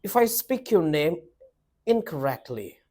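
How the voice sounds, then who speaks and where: A man gives a pronunciation lesson. He is emphatic and repeats himself. He keeps asking the listener questions, and his pitch rises and falls in a lively way. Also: a little slow. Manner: emphatic, repeats points, asks rhetorical questions. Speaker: English teacher. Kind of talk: spoken English lesson to camera.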